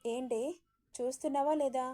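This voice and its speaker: A woman voicing a bossy, chatty middle-aged mother-in-law who scolds with brisk questions. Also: high voice, steady tone, dark tone, natural voice.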